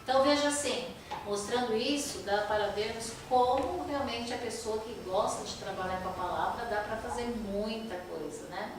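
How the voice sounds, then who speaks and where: A woman leads a poetry workshop, explaining rhyme and meter step by step and often pausing to check that her listeners follow. Her voice comes from across a very echoey room, picked up by a distant microphone, with faint room noise underneath. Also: fairly high pitch. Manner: explanatory, checks in with frequent rhetorical "né?". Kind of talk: classroom lecture on verse and rhyme. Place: workshop classroom.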